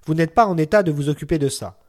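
A brusque old neighbor woman, voiced by a man reading a story, bossing everyone around with gruff authority in a raised, higher voice. She scolds and fusses at length and never softens into sweetness. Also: fast, natural voice. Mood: grumbling. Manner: brusque, bossy and fussing.

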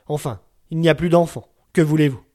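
A man reading aloud and voicing a gruff, bossy old woman neighbor who fusses and takes charge, pitching his voice higher for her. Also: fairly even intonation, brisk, darkish tone, lightly acted. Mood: grumbling. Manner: brusque, bossy and fussing.

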